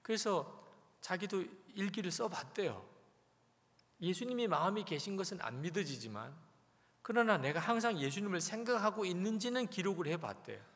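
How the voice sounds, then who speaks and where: A man's voice: sits high, big pitch swings, moderate pace, fairly bright tone. A male pastor preaching a sermon at a revival service, telling a story and acting out the voices in it. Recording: long reverb of a church hall.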